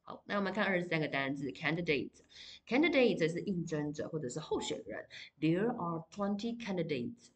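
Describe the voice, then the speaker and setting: Low-voiced woman teaching English vocabulary. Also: animated. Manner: explains in Mandarin, reads English examples slowly; addresses students directly with fillers like 好 and 哦. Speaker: high school English teacher. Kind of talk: recorded vocabulary lesson.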